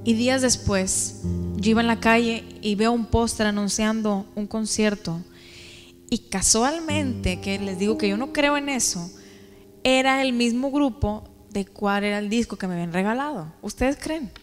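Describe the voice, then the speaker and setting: A woman's voice: a little high, moderate pace, in a large hall, over music. Emotional woman giving church testimony. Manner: emotional, earnest, addresses congregation with questions. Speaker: testimony speaker.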